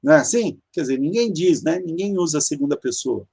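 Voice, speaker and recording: Halting teacher on a video call. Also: medium pitch, animated, vocal fry, warm tone, breathy edge. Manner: halting, searching for words, many fillers, explains step by step. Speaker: Hebrew teacher. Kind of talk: online grammar lesson.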